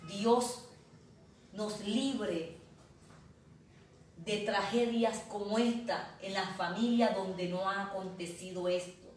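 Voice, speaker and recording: A woman pastor preaching a sermon slowly and earnestly, speaking directly to her listeners. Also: medium pitch, fairly even intonation, far from the mic. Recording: very echoey room, voice from off mic, faint noise.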